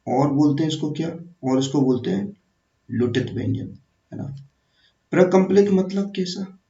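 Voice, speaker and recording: Male teacher running an exam-prep grammar lesson, quizzes the viewer, gravelly low-key voice, heard from afar in an echoey room. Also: expressive, dark tone. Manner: slow, repetitive, quizzing the viewer. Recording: echoey, distant, dull room sound.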